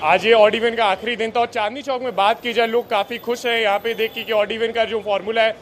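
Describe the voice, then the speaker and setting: Male field reporter, very high voice, rapid hurried delivery. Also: fairly even intonation, fairly bright tone, a little hiss or hum. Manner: hurried, repetitive phrasing. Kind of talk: live street report. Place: busy market street outdoors.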